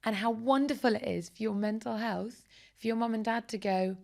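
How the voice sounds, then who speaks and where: A woman, a guest in a relaxed interview. Her voice has a gravelly, creaky edge. She speaks with animated, enthusiastic energy. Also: fairly high pitch, normal speed. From Essex, England. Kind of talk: casual conversational interview.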